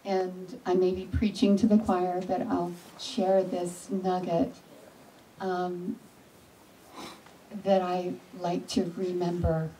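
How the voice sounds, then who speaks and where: A woman speaks slowly and earnestly to a small gathering, pausing often and restarting her sentences. Her voice is mellow and soft-edged. She is picked up from a distance, with faint background noise. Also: fairly low pitch, level tone. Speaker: event attendee giving a speech. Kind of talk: heartfelt informal speech.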